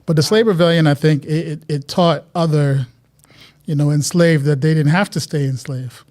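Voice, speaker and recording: A man from Guyana, a guest artist telling stories in a relaxed interview chat, often restarting his sentences. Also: a little high, moderate pace. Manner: reflective, storytelling, many restarts.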